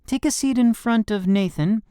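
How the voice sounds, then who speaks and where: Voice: mid-range voice, moderate pace, mellow, smooth, no echo, studio quality, pitched above the performer's own voice, natural voice. An audiobook narrator voicing a stern adult woman teacher, formal and commanding, in a raised voice. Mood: instructing.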